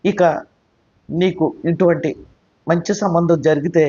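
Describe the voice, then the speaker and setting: A woman's voice: lowish voice, unhurried, dark tone, slightly rough. A man voicing an anxious, tearful middle-aged mother who pleads with worry, in a slightly muffled recording. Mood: pleading. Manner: pleading, worried.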